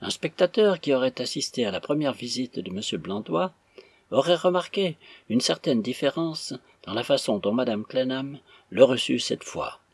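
Husky man reading an audiobook. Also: mid-range voice, normal speed, dry recording. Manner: expressive, animated reading. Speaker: audiobook reader. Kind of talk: audiobook narration.

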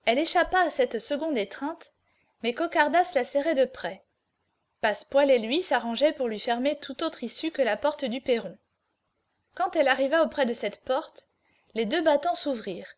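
A woman narrating a novel in a steady storytelling manner. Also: high-pitched, normal speed. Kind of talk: audiobook reading of a novel.

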